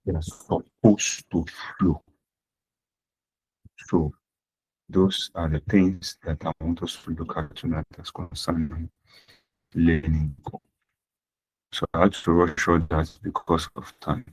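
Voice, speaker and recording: Poor online class audio captures an accounting lecturer with a low, husky voice who talks slowly and flatly, leaving long pauses. He restates his points and asks his students rhetorical questions.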